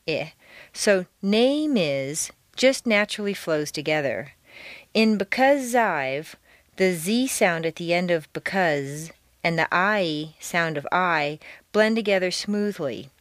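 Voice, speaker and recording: A woman's voice: fairly low pitch, dry recording, clean studio sound. A woman giving a scripted pronunciation lesson, enunciating each word with care. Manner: deliberate, carefully enunciated. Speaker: pronunciation teacher. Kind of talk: slow scripted language lesson.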